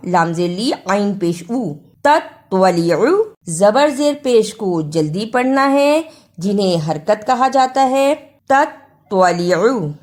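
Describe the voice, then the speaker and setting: A woman teaching Quran recitation, spelling out words slowly letter by letter and explaining how each sound is made. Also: mid-range voice. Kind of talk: tajweed lesson, explaining pronunciation and reciting verses.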